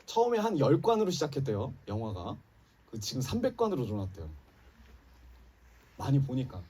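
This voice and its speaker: A male pastor delivers a heartfelt sermon in a church, his voice swinging widely between soft, low asides and loud, rising appeals. The sound is slightly husky and captured from a distance across the sanctuary. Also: wildly swooping pitch, fairly quick. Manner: impassioned preaching, rising and dropping emphatically, addresses congregation.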